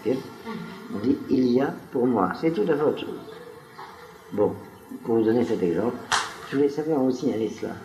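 A man's voice: on the low side, darkish tone. A man giving a spoken lecture to a live audience, wandering into digressions and often turning to the listeners with questions. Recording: echoey room recording.

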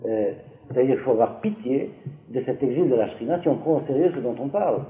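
A man teaching a class on biblical texts, hesitating and restarting, often asking the listeners whether it is clear. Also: mid-range voice, animated, fast, phone-quality sound.

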